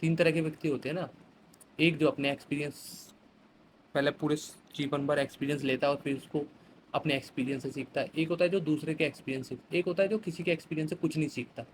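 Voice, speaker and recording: This man's voice sits on the high side and keeps a steady tone as he quickly works through an exam vocabulary lesson, reading phrases and using everyday examples. He's chatty and blends English words into his Hindi; the rough recording has slight background noise.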